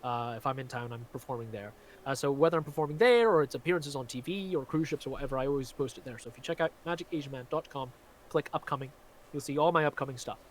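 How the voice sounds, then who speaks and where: Talking quickly in a mid-range voice over slight background noise, a magician from Scotland rambles chattily on a live stream. His accent is faintly Glaswegian mixed with American, and he uses many fillers.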